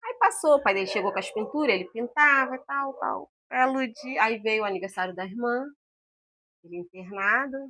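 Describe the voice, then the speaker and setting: Her voice on the high side and her pace brisk, a woman interviewed as the mother of a patient recounts a personal story about her son. She animatedly acts out the voices and dialogue of those involved.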